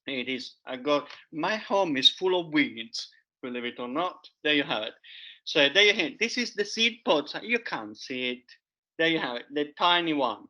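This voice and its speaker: Expressive and sharp, his high-leaning voice keeps a moderate pace while he teaches about edible wild plants, show-and-tell style. The foraging educator is enthusiastic and chatty, using loose non-native phrasing, many fillers, repetition, and a recurring "there you have it," captured on a dull lo-fi recording.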